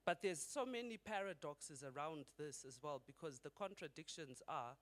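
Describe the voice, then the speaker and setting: A man's voice: a little high, expressive, moderate pace. A middle-aged man from Zimbabwe giving a conversational conference talk and putting rhetorical questions to the audience. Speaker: conference speaker.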